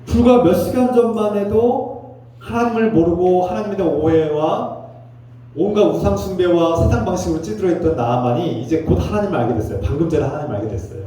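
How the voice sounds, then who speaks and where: A man's voice: on the high side, mellow. A middle-aged man preaching a Sunday sermon as pastor, talking earnestly and conversationally, at times acting out heated quoted voices. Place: church sanctuary during Sunday worship. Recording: echoey hall from far off with faint hum.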